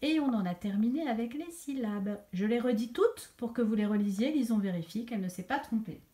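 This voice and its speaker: A woman teacher giving a slow dictation lesson to young children, repeating each syllable clearly with emphasis. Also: a little high, expressive, mellow. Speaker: primary school teacher.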